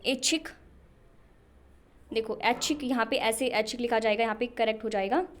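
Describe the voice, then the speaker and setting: A woman's voice: on the high side, moderate pace, a little hiss or hum. A young woman teaching a Hindi spelling lesson for exam preparation, asking questions and answering them herself. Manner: repetitive questioning, answers her own questions.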